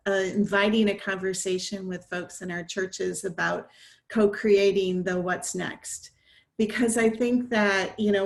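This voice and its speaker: A woman's voice: mid-range voice, gravelly. A woman minister speaking on an online panel over a video call, earnest and reflective, often restarting her phrases. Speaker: conference minister. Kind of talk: panel discussion remarks.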